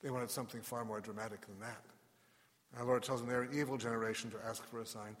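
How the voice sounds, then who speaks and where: A male priest speaks from inside a big church, his words trailed by long cathedral echo. His voice sits at a medium pitch. He reads and preaches solemnly and deliberately, setting off phrases with weighty pauses. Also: steady tone, fairly bright tone. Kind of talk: liturgical Gospel reading and homily. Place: large reverberant church. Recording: long cathedral-like echoing reverb.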